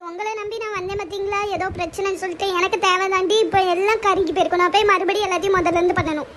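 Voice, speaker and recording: A fretful cartoon mother scolds her two teenage daughters, voiced by a woman. Her voice sits very high and turns shrill as she frets. It is a lively family comedy, played close to the mic. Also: very fast, slight background noise. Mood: flustered. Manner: shrill scolding, rising when upset.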